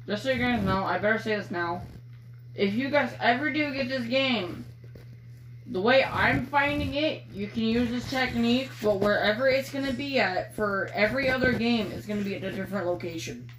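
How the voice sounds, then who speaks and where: A teenage girl casually commentating a driving game she films with her phone in a dark room at home, rambling and teasing with casual swearing. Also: fairly high pitch, moderate pace. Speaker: gaming video creator. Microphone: phone filming a screen. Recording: echoey room with faint noise.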